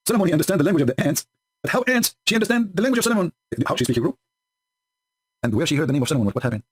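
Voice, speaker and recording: A man's voice: fairly high pitch, slightly rough. A man whose first language is not English, hosting a livestream and mocking his opponents sarcastically, with frequent laughs and broken English. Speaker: host.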